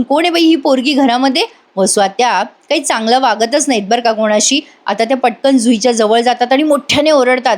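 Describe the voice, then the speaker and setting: A woman tells a serial episode in a chatty voice-over recap. She strings the scenes together casually, with a fairly high pitch. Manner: chatty storytelling with tag words. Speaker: serial review narrator.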